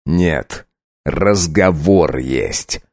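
A man voicing a cruel, menacing vampire count with a low, slow, threatening growl, audiobook style. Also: expressive, a little mellow, no room sound, studio quality, heavily acted.

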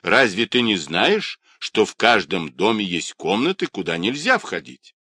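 A man voicing an old woman teahouse keeper in her sixties or more, shrill and scolding. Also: sing-song, unhurried, pushed and bright, no echo, clean studio sound, exaggerated voice.

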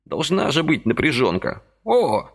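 A male narrator plays a twitchy, fussy old man in an audiobook, his pitch set high above his own and swinging widely. Creaky, husky, and a little slow, the heavily acted character alternates between indignant and eager with restless nervous energy.

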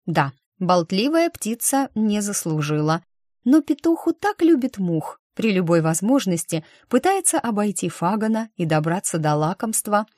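A woman narrating a first-person audiobook in an even, lightly ironic storytelling manner. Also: mid-range voice, moderate pace, no room sound, studio quality.

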